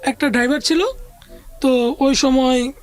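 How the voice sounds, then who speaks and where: Unhurried and steady, a high-pitched woman with a Bangladeshi accent shares her personal story as an interview guest. She uses conversational Bengali with occasional English business terms, and music can be heard under her voice.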